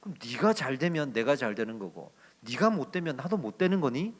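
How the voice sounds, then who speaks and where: A male pastor voicing Jesus, who speaks calmly in a fatherly, reasoning way. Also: mid-range voice, brisk, big-room sound. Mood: gentle. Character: patient, gently correcting Jesus, male.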